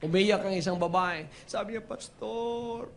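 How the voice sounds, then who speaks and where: Filipino pastor guy, really high voice, preaching hard, goes from soft to yelling, faint hum behind. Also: normal speed, some chatter behind. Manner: swings between hushed asides and shouted exclamations; switches between Tagalog and English. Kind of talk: fervent bilingual sermon.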